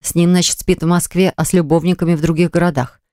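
An audiobook narrator reading a romance novel in an even storytelling manner. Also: medium pitch, fast, no echo, studio quality.

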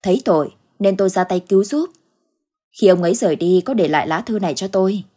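A woman voicing a frightened elderly village husband in a ghost story, with a husky voice and an anxious, pleading way of talking. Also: mid-range voice, fast, dark tone, lightly acted. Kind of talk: storybook ghost tale acting.

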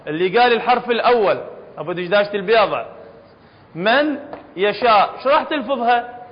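A man with an Iraqi accent teaches a class, regularly asking his students whether they follow and going back over each point. His voice sits high. The reverberant hall and dull, lo-fi recording soften every word. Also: lively intonation, very fast. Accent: Iraqi Arabic. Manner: questioning students, repeating points patiently. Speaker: Quran recitation teacher.

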